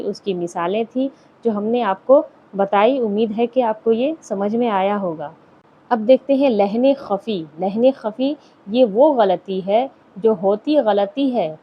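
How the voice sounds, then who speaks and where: A woman teaches a recitation lesson at a medium pitch. She poses questions and answers them herself, and she slows down to draw out each example word. The recording sounds slightly dull and lo-fi. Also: slight background noise. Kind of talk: classroom-style lesson with questions to listeners.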